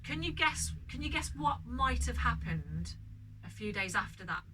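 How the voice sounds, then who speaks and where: Exasperated mum telling a story. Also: female voice, a little high, normal speed. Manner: animated, exasperated, swears freely. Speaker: podcast co-host and mother. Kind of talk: casual comedic storytelling. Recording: distant mic with background noise.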